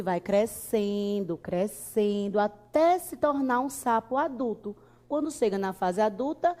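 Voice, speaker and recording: With a Brazilian Portuguese accent and a fairly high, somewhat dark voice, a woman teaches young children in the style of a kids' show host. She's cheerful and sing-song, asking questions and then answering them herself.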